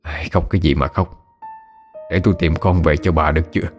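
A man voicing a gruff, stern older village father who talks curtly. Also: sits low, fast, music in the background, close to an everyday voice. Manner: gruff, curt.

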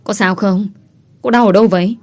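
A woman's voice: mid-range voice, fairly even intonation, a little fast, darkish tone, lightly acted. Anxious young master, as a woman reads him. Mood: worried. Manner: urgent, concerned questions.

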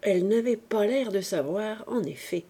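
A woman reading a classic novel aloud as an audiobook narrator, with expressive, measured delivery. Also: medium pitch, slightly rough. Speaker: audiobook reader.

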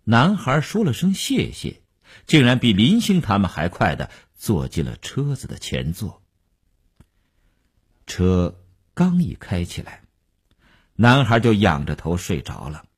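A man reads a novel aloud in a measured, expressive storytelling manner. His low, husky voice rises and falls dramatically. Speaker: narrator. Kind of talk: audiobook narration.

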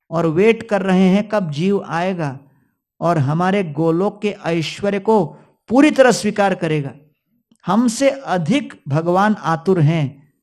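Male preacher, devotional storytelling discourse, quotes Sanskrit verses, high voice. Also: creaky, a little mellow. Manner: storytelling, quoting Sanskrit verses, mixing in English words.

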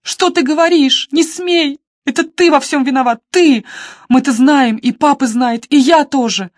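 A woman's voice: moderate pace, dark tone, no echo, clean studio sound. A woman voicing a frantic, tearful young woman. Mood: shrill accusing. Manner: shrill pleading outbursts. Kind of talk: audiobook character reading.

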